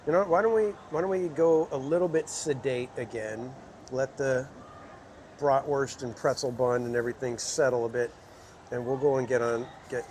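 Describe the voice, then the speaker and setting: A man chats easily with his viewers as he strolls through a busy theme park, his voice in a plain middle pitch. He rambles in a relaxed way through a handheld camera mic. Loud outdoor park noise runs under everything he says. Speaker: livestream host. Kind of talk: casual walking livestream chat.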